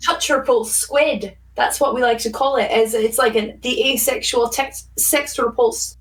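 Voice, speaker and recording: Woman, high voice, podcast guest, casual chatty storytelling, distant mic. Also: steady tone, unhurried. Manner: chatty storytelling of fun facts. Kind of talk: casual chat.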